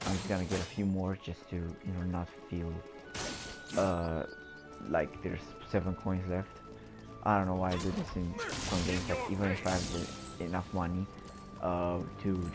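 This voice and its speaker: A man's voice: low-pitched, level tone, moderate pace. A man giving casual gameplay commentary as host, rambling and hesitant as he thinks aloud. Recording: voice-over with game music behind.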